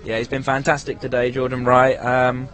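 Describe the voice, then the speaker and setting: A man co-commentating at a football ground, offering measured and slightly hesitant analysis. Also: mid-range voice, monotone, fairly bright tone, poor audio. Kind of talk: match analysis.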